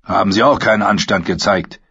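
A man reading an audiobook voicing a gruff, dismissive town guard who growls his warnings. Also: fairly low pitch, a little fast, sharp tone, dry recording, heavily acted. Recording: dull lo-fi sound.

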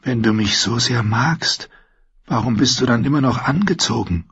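Guy doing a cheeky wild warrior girl, pitched way up, husky and kinda lo-fi. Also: moderate pace, fairly bright tone. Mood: teasing. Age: 19 (figure). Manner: teasing, blunt, playful. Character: bold teasing young wildling woman warrior.

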